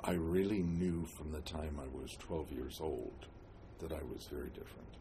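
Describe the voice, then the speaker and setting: An elderly American man from New Jersey reminisces about his life in an interview, halting often with long pauses and hesitations. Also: a bass voice, background noise. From New Jersey, United States. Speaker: oral history interviewee. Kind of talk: reminiscing, telling life story.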